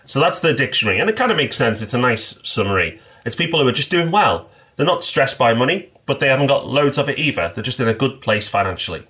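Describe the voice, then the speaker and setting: A man's voice: medium pitch, sing-song, pushed and bright. Man explaining on a podcast. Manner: measured, explanatory, with small restarts. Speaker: podcast co-host. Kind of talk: casual podcast discussion.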